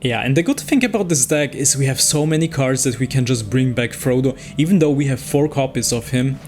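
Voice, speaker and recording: Over background music and slight noise, a host comments casually on his digital card game, thinking aloud and a bit unsure about his moves. His mid-range, darkish voice is fairly quick with lively intonation.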